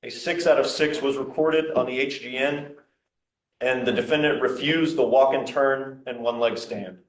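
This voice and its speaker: A man's voice: mid-range voice, normal speed. A man formally reading out probable cause reports in a courtroom, in a matter-of-fact way. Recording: echoey courtroom sound.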